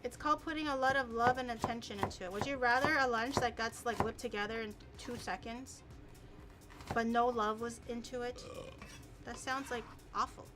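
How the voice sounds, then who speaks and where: A woman's voice: a little high, moderate pace, over music. A woman hosting a casual cooking live stream, chatting in a playful, teasing way and swearing casually.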